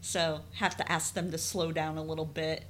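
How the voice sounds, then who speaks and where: A woman's voice: sits low, flat delivery, normal speed, a little hiss or hum. A woman co-hosting a casual travel podcast, leading the chat and retelling the day from her notes. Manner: chatty, leads the story from her notes. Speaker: podcast co-host.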